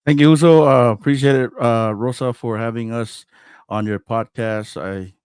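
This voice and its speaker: A man's voice: medium pitch, fairly even intonation, normal speed, a little mellow, clean tone, no room sound, clean studio sound. A man from American Samoa, in his thirties, who hosts a podcast and speaks as a guest in a casual interview, hesitant, with many fillers and restarts.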